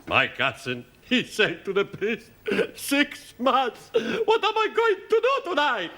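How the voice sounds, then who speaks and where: A man's voice: lowish voice, sing-song, moderate pace, pushed and bright. An actor playing a jolly middle-aged man, telling a joke in broken English with a storyteller's drawl. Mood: joking.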